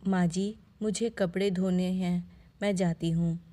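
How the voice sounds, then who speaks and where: A woman playing a dutiful young daughter-in-law who answers softly and calmly. The voice is low, unhurried and mellow. She is the patient wife in a spoken family tale. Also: natural voice. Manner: soft, obliging replies.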